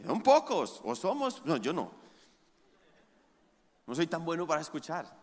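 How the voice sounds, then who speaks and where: A man preaching a sermon, leading the congregation in call-and-response and moving between hushed and loud emphatic passages. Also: fairly high pitch, huge pitch swings, measured pace, big-room sound. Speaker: pastor.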